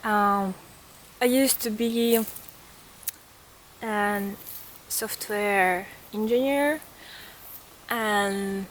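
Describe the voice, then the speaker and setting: A woman in her thirties, a vlogger and artist with a Ukrainian accent, talks to camera outdoors in a forest in an earnest, reflective, casual way. Her voice is mid-range. The recording is rough, with slight background noise.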